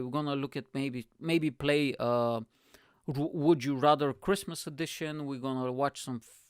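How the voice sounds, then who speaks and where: A man's voice: mid-range voice, smooth, no echo, clean studio sound. Profane, rambling man from Bulgaria. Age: 30s. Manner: profane, rambling, animated, laughs often. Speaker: show host. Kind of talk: casual monologue to camera.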